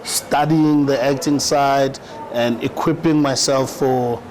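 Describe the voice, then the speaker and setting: A man's voice: mid-range voice, steady tone, slow pace, a little mellow, a little hiss or hum, rough recording. A South African man in his thirties, a rapper and actor, talking easily in a podcast interview and often repeating words and saying "you know". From South Africa, Eastern Cape.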